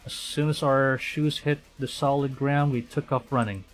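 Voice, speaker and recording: This Filipino man is a VTuber streaming a game live, with a mid-range voice and steady tone. He thinks aloud in a halting way, reads the visual novel's text aloud, and stumbles over the lines. Game music plays in the background.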